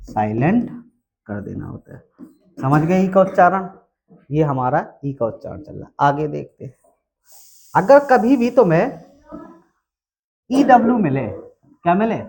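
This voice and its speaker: Man, high-pitched, classroom lesson, rhetorical questions. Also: darkish tone. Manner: asks questions and answers them himself. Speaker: English teacher.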